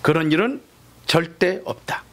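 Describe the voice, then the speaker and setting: A male pastor preaching a sermon with emphatic, dramatic swings in loudness, explaining scripture in plain everyday terms. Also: on the high side, lively intonation, a little slow, a little hiss or hum.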